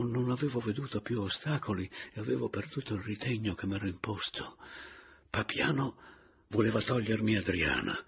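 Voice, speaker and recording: A man reading a novel aloud in a measured, reflective way. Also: lowish voice, gravelly. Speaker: narrator.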